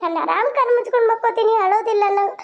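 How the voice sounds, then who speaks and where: A woman's voice: extremely high pitch, racing. A woman voicing a grieving young mother with a North Karnataka Kannada accent, mourning her newborn in a pleading lament. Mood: desperate. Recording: dull lo-fi sound.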